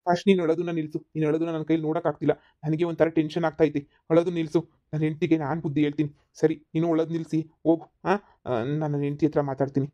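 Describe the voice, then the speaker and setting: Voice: mid-range voice, little pitch movement, rapid-fire, warm tone, highs cut off, close to an everyday voice. A voice actor playing a protective young husband and brother, reassuring.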